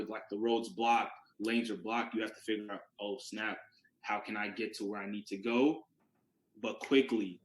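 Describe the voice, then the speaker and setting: A young man whose first language is Yoruba gives a casual classroom presentation as a student, speaking in a fairly low voice. He talks conversationally, restarts words, and poses rhetorical questions. The recording is poor and the room echoes.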